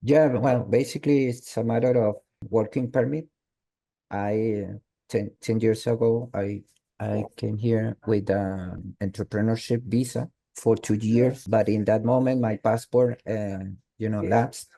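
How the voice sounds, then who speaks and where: Spanish-speaking man from Venezuela, online interview guest, deep dark voice, halting English full of restarts. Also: steady tone, creaky. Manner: halting, with many restarts and fillers. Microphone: video call.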